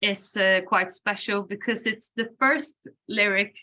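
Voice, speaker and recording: A Swedish woman, a band singer and lyricist whose first language is Swedish, answers interview questions thoughtfully, with many pauses, fillers and frequent laughter. Her voice is medium-pitched, pushed and bright.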